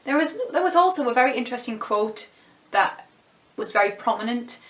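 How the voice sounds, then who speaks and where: Speaking fairly quickly with lively intonation and a fairly high pitch, this vlogger reviews a TV show in an echoey room. She's thoughtful and musing, often restarting and letting out small laughs, and notes her voice is going.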